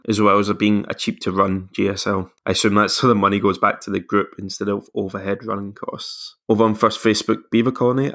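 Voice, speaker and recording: A man's voice: fairly low pitch, creaky, a bit bright. A man hosting a podcast, narrating and reading out listeners' messages. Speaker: podcast host.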